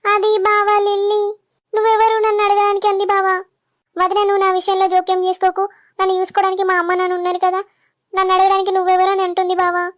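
A woman's voice: very high-pitched, completely flat delivery, fast, no echo, studio quality. A woman playing a sulky, easily hurt young wife, complaining and pleading in Telangana Telugu.

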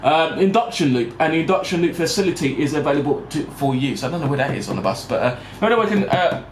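Speaking in an expressive voice on the high side, a man in his 20s makes a casual vlog about his bus-driving job for passengers. The talk is halting and repetitive, peppered with check-in tags. He holds the camera at arm's length inside a parked double-decker, where vehicle noise fills the background.

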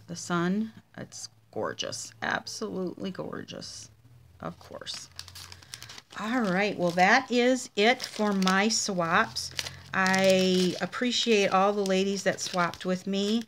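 A woman's voice: medium pitch, slow, fairly bright tone, slight background noise. A woman casually showing handmade cards in a craft vlog, chatty and gushing over each one. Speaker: craft demonstrator showing card swaps.

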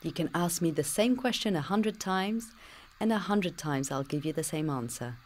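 A woman with a British accent and a lowish, expressive voice speaks at normal speed. In pre-recorded game dialogue, she voices a computer-generated future self who is cheeky and teasing and always dodges the question.

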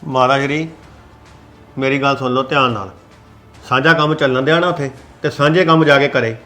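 A man's voice: medium pitch, steady tone, moderate pace, bright, forceful tone, soft background music, lightly acted. A man playing a stern elder brother, scolding his younger sibling in an exasperated way. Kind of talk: scripted web drama acting.

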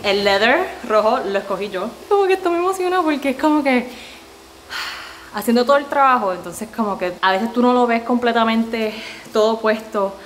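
A woman in her thirties vlogging casually, chatty and excitable, mixing Spanish and English. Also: mid-range voice, slight background noise, rough recording. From Puerto Rico. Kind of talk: casual vlog chat. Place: indoors, restaurant under renovation and home office. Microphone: handheld camera. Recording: music under voice.

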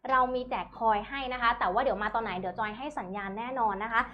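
High-voiced woman live seller. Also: quick pace, highs cut off. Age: young adult. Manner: animated, chatty sales patter with polite particles. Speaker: live shopping host. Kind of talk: Thai live-selling promotional chat, urging viewers to order. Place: small bright studio, indoors. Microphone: clip-on lapel microphone.

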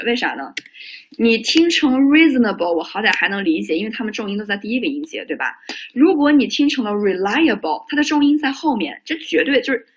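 Lively male English teacher, husky. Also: high-pitched, dull audio. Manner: lively, joking, asks the class questions. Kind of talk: exam listening lesson.

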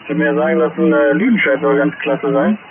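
Fast-talking man over cb radio. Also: on the high side. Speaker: CB radio operator. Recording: tinny CB radio, static noise.

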